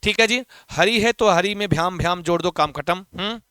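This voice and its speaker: A male teacher, his voice high and bright, chanting word forms in a rhythmic rote cadence for his class. The sound is smooth and close, with almost no room around it. He stops often to reassure his students. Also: brisk, no room sound. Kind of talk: live online exam-prep class, chanting declensions.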